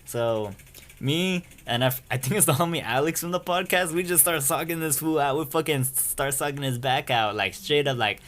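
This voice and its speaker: A man's voice: a little high, moderate pace, a bit bright. A young man telling a rambling story-time anecdote in casual, profane slang. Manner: rambling, slangy and profane, keeps saying "you feel me". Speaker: storyteller vlogger.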